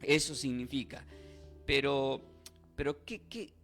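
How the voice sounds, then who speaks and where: A man's voice: medium pitch, slow, vocal fry, a bit bright, faint music behind. A man preaching a sermon, asking rhetorical questions and leading call-and-response.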